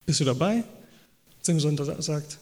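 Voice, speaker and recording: A man's voice: fairly high pitch, lively intonation, unhurried. A man giving a sermon, vividly acting out the voices of biblical figures as he retells their stories. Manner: acts out biblical dialogue in quoted voices. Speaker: preacher. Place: church hall. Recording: long reverb of a church hall.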